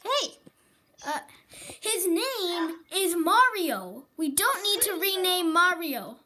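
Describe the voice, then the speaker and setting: A high, bright voice doing bossy Bowser Junior. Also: animated, exaggerated voice. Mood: exasperated. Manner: blunt, slow and bossy, scolds his friends. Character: bossy young male koopa prince, host of the call. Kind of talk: fan puppet comedy on a video call.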